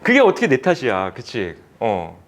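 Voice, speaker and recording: Male cram-school math tutor, casual and teasing, animated delivery. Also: mid-range voice, normal speed. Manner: chatty, teasing students, casual speech. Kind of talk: classroom lecture with banter.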